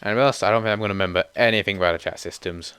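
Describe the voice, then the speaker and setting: A young man reads a list of game update notes aloud, steady and matter-of-fact, with relaxed asides in between. His voice is smooth and clear, and the recording is dry and close with no room sound. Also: on the low side, very fast, no room sound. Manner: steady read-through with casual asides. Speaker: gaming channel host. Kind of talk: reading out patch notes.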